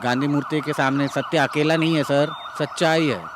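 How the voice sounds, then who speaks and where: A man's voice: a little high, fairly even intonation, a little fast, background noise, natural voice. A man playing a respectful subordinate, sirens behind. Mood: earnest. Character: loyal male subordinate who admires the hero.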